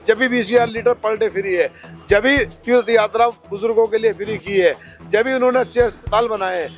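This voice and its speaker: A man with a rather high voice defends his party in an interview. He argues steadily and leans on rhetorical questions. Faint music plays underneath. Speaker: politician, candidate. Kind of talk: interview answers.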